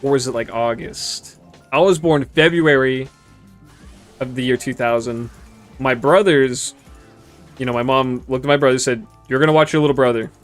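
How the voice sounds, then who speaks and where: A man's voice: medium pitch, normal speed. Man in his twenties, laid-back streamer chatter over faint game music. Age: 20s. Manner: relaxed, rambling, swears casually. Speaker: gaming streamer. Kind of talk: casual gameplay commentary chatting with viewers.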